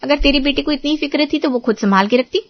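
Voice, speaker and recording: A woman voicing a defiant, sharp-tongued sister-in-law who answers with mocking retorts. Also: high voice, quick pace, dry recording, muffled recording, pitched above the performer's own voice. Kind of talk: storybook drama.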